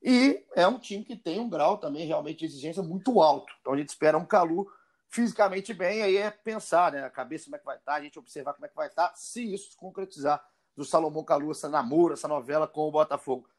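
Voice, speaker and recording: Brazilian guy hosting a football podcast, kinda high voice, chatty and emphatic. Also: fast talker. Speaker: sports podcast host. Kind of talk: casual football talk.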